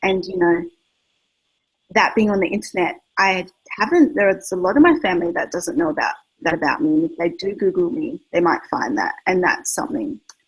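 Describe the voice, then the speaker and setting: A woman's voice: fairly low pitch, breathy edge, rough recording. A woman writer with an Australian accent speaking on a panel, reflective and a little hesitant. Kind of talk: panel discussion.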